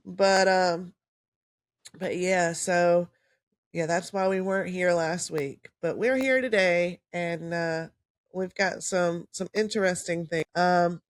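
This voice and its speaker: Slow-talking woman with a morning voice. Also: on the low side, fairly even intonation. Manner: chatty, laughs often, trails off with fillers. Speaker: podcast co-host. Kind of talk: casual podcast chat. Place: home. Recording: level drops in and out.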